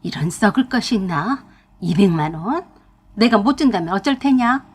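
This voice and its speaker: A woman's voice: mid-range voice, lively intonation, moderate pace, breathy edge. A woman voicing a domineering elderly mother-in-law who scolds and talks down to her daughter-in-law in a storytelling narration. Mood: indignant.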